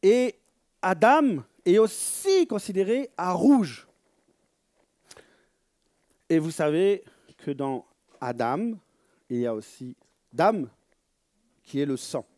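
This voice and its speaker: Slow, lively-pitched man teaching. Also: no room sound, clean studio sound. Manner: slow and searching, repeats words, stresses key words loudly; reads Hebrew phrases aloud. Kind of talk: religious teaching.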